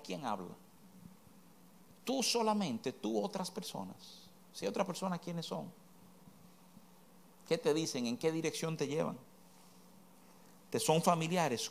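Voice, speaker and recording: A man's voice: on the high side, creaky. A man teaching from the Bible, speaking earnestly and straight to the listener, with many rhetorical questions. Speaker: preacher.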